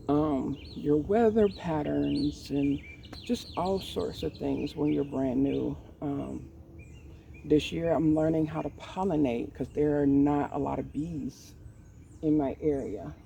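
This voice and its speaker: A woman in her forties talks candidly in her garden, slow and hesitant with plenty of ums. Her voice is dark and gravelly. The mic sits away from her, with faint outdoor noise and birds behind. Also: deep voice, recorded from a distance. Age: 40s. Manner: hesitant, with many pauses and ums. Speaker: vlogger. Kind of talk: candid personal talk. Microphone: poor mic set away from the speaker.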